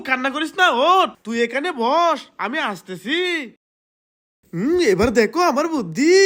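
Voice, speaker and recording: A woman's voice: high voice, a bit bright. A woman performing in a scripted family comedy skit, explaining a homemade trick step by step in a chatty way.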